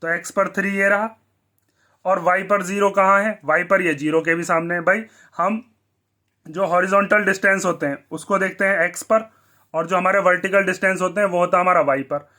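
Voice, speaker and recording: High, bright-voiced male maths teacher. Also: steady tone, brisk. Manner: asks the class questions and answers them himself. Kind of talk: blackboard maths lesson.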